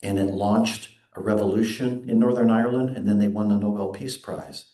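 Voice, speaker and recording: A man minister giving an earnest, measured sermon in a church. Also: lowish voice, fairly even intonation, warm tone. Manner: earnest, measured preaching with quoted readings. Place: church sanctuary. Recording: echoey sanctuary.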